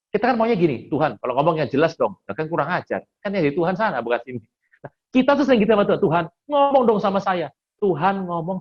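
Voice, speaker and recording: Male Indonesian pastor, conversational sermon, animated storyteller, slightly muffled sound. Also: sits high, breathy edge. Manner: animated storytelling, acts out quoted voices; colloquial, jokes with the congregation.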